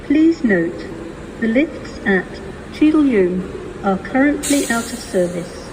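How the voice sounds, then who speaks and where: A woman making formal, measured pre-recorded public announcements in the manner of an airport or railway station announcer. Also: on the high side, expressive. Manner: measured, formal, item-by-item listing. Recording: noisy station PA with vehicle ambience. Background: train station ambience, vehicles.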